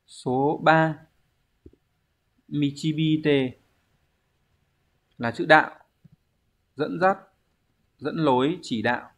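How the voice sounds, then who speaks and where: A man's voice: a little high, takes it slowly, long pauses, fairly bright tone. A man, teaching a language exam review lesson, explaining step by step and answering his own questions.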